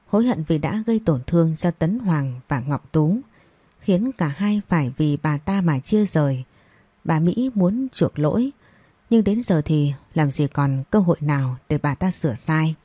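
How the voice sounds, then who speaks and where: Low, husky woman narrating a story. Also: no room sound. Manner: steady storytelling read. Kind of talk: scripted audio-story narration.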